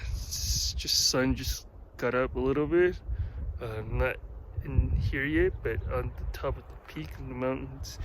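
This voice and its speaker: A man giving a casual, halting vlog update, thinking aloud outdoors on a backpacking trip. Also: mid-range voice, a little hiss or hum, low-quality recording. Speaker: solo backpacker filming a vlog. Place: outdoors in the mountains.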